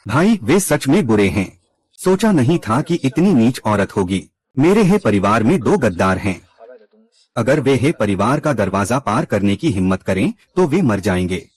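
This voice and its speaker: A male narrator runs through a short drama, delivering every character's lines in one scripted read. His pitch is mid-range and swings widely from line to line. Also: very animated, normal speed, darkish tone. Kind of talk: scripted recap narration voicing all characters.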